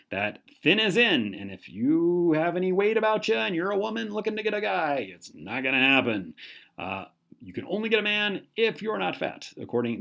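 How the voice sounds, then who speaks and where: A man lectures with a very lively, swinging pitch, animated and expressive. He slips into quoted voices mid-sentence and corrects himself with quick asides as he explains. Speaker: teacher. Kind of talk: recorded lecture.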